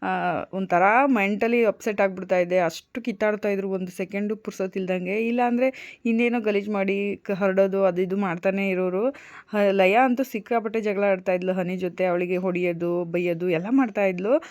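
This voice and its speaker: A young adult woman in a casual home vlog, talking in a gentle, coaxing and reassuring way as a mother soothing her child. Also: mid-range voice, steady tone, moderate pace.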